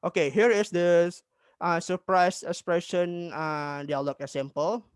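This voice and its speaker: High-voiced young man teaching a class. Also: fairly even intonation, slow, smooth, no echo, clean studio sound. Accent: Indonesian. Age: young adult. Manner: mixes English and Indonesian, frequent "ah" fillers. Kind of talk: micro-teaching English lesson.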